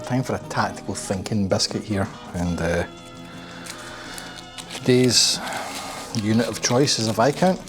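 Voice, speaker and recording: A man's voice: on the low side, a little slow, pauses often, over loud music. A man building a kit car in his garage workshop, thinking aloud, muttering and self-deprecating, with a curse under his breath now and then.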